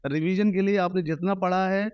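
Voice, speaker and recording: Earnest Hindi-speaking maths teacher, dry sound. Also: male voice, high voice, steady tone, moderate pace, clean tone, dry recording, dull audio. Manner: earnest, advising students directly. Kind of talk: interview answers.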